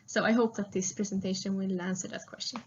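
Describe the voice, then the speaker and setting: A woman's voice: medium pitch, level tone, fast, a little hiss or hum. Young Swedish woman, engineer presenting a recorded talk, friendly, lots of "uh", muffled lo-fi sound. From Sweden. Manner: friendly, frequent "uh" fillers. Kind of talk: prerecorded conference talk.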